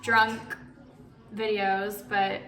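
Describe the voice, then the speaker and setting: A woman's voice: mid-range voice, flat delivery, drawn-out words, a bit bright. Distant, echoey young woman chatting casually. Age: 20s. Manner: chatty, uses like often. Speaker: vlog host answering viewer questions. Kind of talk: casual chat. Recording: roomy echo, distant mic, music behind. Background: background music.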